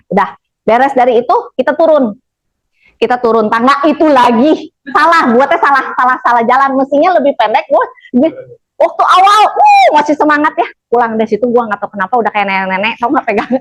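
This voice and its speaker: A woman's voice: sits high, sing-song, brisk, poor audio. A woman telling a story to a group in casual with a tinge, blunt and chatty, acting out what people said and laughing along. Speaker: storyteller addressing an audience.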